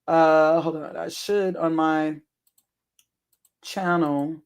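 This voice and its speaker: This livestream host has a deep, hoarse, worn-sounding voice and chats casually with viewers, rambling and correcting themselves amid frequent chuckles and ums. Their intonation stays fairly even, and they draw out their words.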